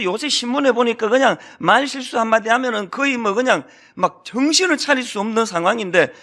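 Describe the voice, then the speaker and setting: Animated, bright-voiced male pastor preaching. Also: very high-pitched. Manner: animated storytelling with acted quotes and sudden hushed drops. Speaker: senior pastor. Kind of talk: sermon. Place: church sanctuary.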